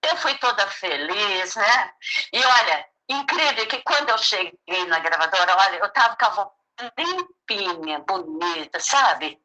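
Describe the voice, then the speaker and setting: A woman's voice: mid-range voice, big pitch swings, unhurried, bright, forceful tone, poor audio. A middle-aged Brazilian woman, a gospel singer, telling a story in a casual interview, laughing often and acting out the voices she quotes. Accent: Brazilian Portuguese. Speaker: gospel singer and songwriter, guest.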